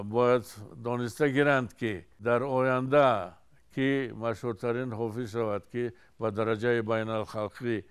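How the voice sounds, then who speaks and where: Older tajik guy in his 70s, singer telling stories, really smooth resonant voice, takes his time. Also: mid-range voice. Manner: unhurried storytelling with frequent restarts. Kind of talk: recounting stories in an interview.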